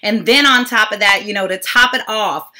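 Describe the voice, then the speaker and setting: A woman's voice: mid-range voice, moderate pace. A woman from the Pittsburgh area giving a hyped, upbeat sales presentation to an online audience. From Pittsburgh, Pennsylvania area. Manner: hyped, upbeat, repeats "super excited". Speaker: network marketing presenter.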